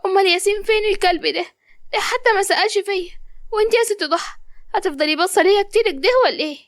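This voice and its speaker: Woman voicing a sharp-tongued Sa'idi young woman. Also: very fast, no room sound, clean studio sound. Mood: teasing. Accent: Upper Egyptian (Sa'idi). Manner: high, teasing, sharp-tongued.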